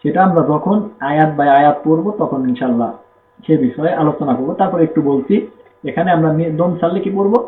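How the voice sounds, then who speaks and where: A man teaching Quran reading, with a Bangladeshi Bengali accent, spelling out letters and vowel marks and blending them slowly into syllables. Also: fairly high pitch, slight background noise. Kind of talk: slow spelling-out recitation lesson. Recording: echoey room, tinny phone-like sound.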